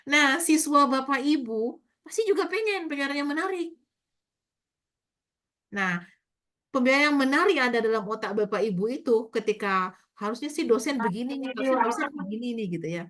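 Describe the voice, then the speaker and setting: A middle-aged woman lectures a university class in a fairly high voice. She speaks straight to her students and slips into playful little dialogues with young children, talking as both teacher and child. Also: a little fast. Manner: lively, acts out child and teacher dialogue in a higher voice.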